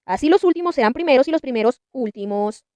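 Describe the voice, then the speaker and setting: A woman reading scripture aloud in a measured, deliberate narration. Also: high voice, lively intonation, mellow, dry recording. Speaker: Bible narrator.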